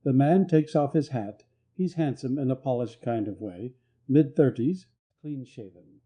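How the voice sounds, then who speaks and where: A man narrating a scripted story in a calm, measured way. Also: mid-range voice, highs cut off.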